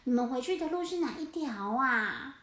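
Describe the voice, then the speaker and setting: A woman voicing a kind, eager little penguin child in a storybook, hurried and caring. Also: high voice, animated, a bit bright, roomy sound.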